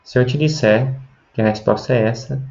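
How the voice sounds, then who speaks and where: A man's voice: mid-range voice, normal speed, gravelly, darkish tone, highs cut off. A man teaching a video lesson, explaining step by step and often checking in with tag questions. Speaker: language teacher.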